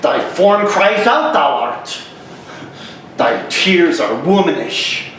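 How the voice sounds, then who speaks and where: A man performing a stern, exasperated friar scolding a young man in a slow, declamatory Shakespeare stage monologue. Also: high-pitched, sing-song, fairly bright tone, full character voice. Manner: theatrical, emphatic, slow deliberate phrasing. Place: large hall, live stage. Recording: echoey hall, distant mic, faint noise.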